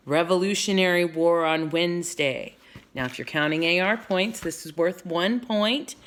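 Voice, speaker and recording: Slow, low-voiced woman reading aloud. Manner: warm, explanatory, speaking to children. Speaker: read-aloud storyteller. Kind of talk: reading a children's book aloud.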